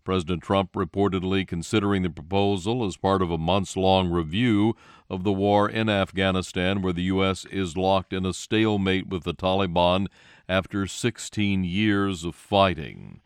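A man's voice: low voice, normal speed, clean tone, no room sound, studio quality. A man reading scripted radio news as the anchor.

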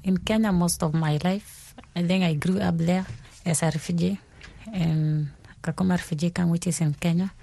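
A woman's voice: lowish voice, fairly even intonation, normal speed, creaky, mellow. A young woman athlete from South Sudan in her twenties, answering interview questions hesitantly and searching for her words. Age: 20s.

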